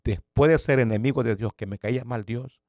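A man's voice: mid-range voice, brisk, dry recording. Dramatic male evangelist in a dry room. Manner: dramatic storytelling, swinging between loud bursts and hushed near-whispers; repeats words for emphasis. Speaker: evangelist pastor. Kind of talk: personal faith testimony.

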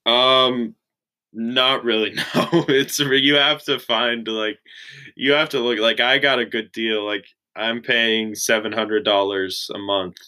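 A young man in his twenties chatting casually as an interview guest, relaxed and full of "like" fillers. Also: medium pitch, takes it slowly, clear, resonant tone, poor audio. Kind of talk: casual chat.

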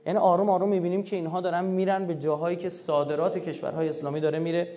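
A man lectures with emphasis, turning often to his listeners. His voice sits a little high yet sounds dark and mellow. The recording is dull and lo-fi, with a long hall reverb trailing each phrase. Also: little pitch movement. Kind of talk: religious history lecture.

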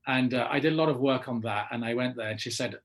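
Animated, husky-voiced Englishman telling stories. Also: medium pitch, fast. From England. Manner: animated storyteller acting out quoted voices. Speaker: actor guest. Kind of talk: casual interview anecdote.

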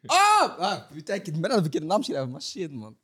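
A man with a Belgian Dutch accent hosting a football talk show in casual banter, excitable, repeating phrases and dropping in French slang. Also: a little high, quick pace, slightly rough. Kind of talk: animated casual chat with banter.

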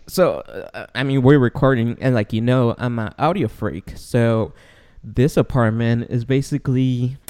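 A man's voice: mid-range voice, a little slow, darkish tone, smooth. A young man who speaks English as a second language, chatting casually as a podcast host in a big, echoey room that sounds like an empty warehouse. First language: not English. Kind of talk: casual chat. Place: large, tall apartment room.

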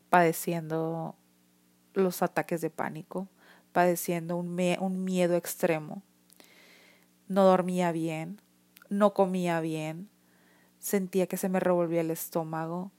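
Speaking to camera, a woman vlogger with a Mexican accent recounts her own experience in a lowish, slightly mellow voice. Her testimony is earnest and emotional, full of restarts and "o sea" fillers.

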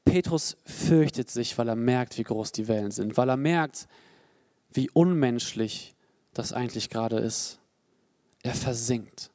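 A young adult man preaching a sermon in an earnest, personal way, rising to emphatic peaks and dropping to quiet, low passages. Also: unhurried, dry recording, clean studio sound.

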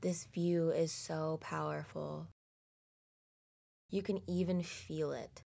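A woman narrating a guided meditation slowly and soothingly, in a hushed delivery with long pauses. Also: deep voice, level tone, creaky.

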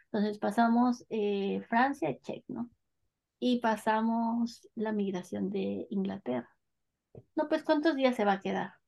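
A woman tells a story in relaxed conversation. Her voice sits a little high and has a gravelly fry. She talks in an animated way and laughs between her phrases. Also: a little slow. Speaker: guest telling a personal story. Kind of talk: casual storytelling chat.

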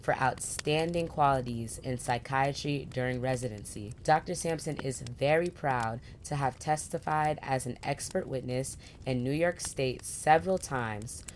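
A woman's voice: rumbling low, measured pace, few pauses, a little hiss or hum. A woman hosting a podcast, introducing her guest with gushing enthusiasm and casual asides like "y'all". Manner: effusive, peppers speech with "y'all" and "like". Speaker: podcast host. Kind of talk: podcast interview.

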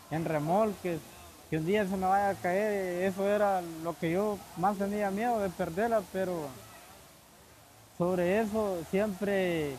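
A man's voice: high voice, darkish tone, a little hiss or hum, low-quality recording. A man in his twenties with a Honduran accent, answering interview questions in a hesitant way, repeating words and using many fillers. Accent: Honduran Spanish. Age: 20s. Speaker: interview guest, migrant father. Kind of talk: halting conversational answers.

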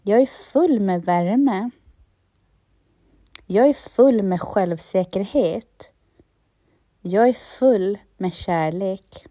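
A woman slowly and calmly leading a listener through spoken affirmations, pausing for them to repeat each line. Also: mid-range voice, no room sound, clean studio sound. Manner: slow, calm, repeats lines for the listener. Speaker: affirmation guide.

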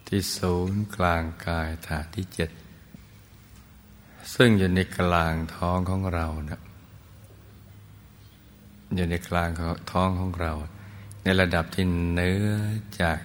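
Deep slow man talking people thru meditation, calm and gentle. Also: slight background noise. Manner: slow, gentle, soothing guidance. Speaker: meditation teacher. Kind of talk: guided meditation instruction.

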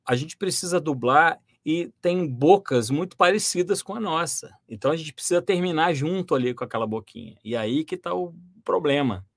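A man from Brazil, a voice actor and dubbing director, explaining his work in a lively interview, with many restarts and fillers. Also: fairly high pitch, no echo. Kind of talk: interview conversation.

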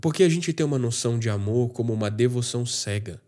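A man's voice: mid-range voice, quick pace, mellow. A man giving a casual, conversational Bible reflection, thinking aloud with fillers and slang. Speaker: Bible study presenter.

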